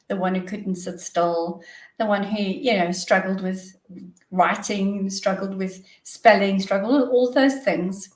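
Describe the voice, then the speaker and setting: A middle-aged woman with a South African accent, a wellness coach telling stories as a podcast guest, cheerful and quick to laugh. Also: mid-range voice, reverberant, recorded from a distance. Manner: cheerful, laughs often, warm storytelling. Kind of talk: podcast interview.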